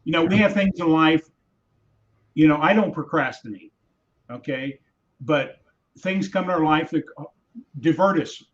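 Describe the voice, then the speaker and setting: A man's voice: fairly high pitch, unhurried, long pauses, muffled recording. A man coaching in a motivational livestream chat, emphatic and repeating his key phrases. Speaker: business coach, guest. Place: home in Wisconsin.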